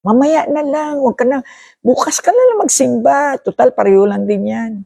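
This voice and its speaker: The easygoing, excuse-making voice of the world, as a preacher puts it on. It sits higher than the speaker's usual voice, with a gravelly, mellow tone. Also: expressive, normal speed, full character voice. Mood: persuading. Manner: casual, persuading, raised pitch.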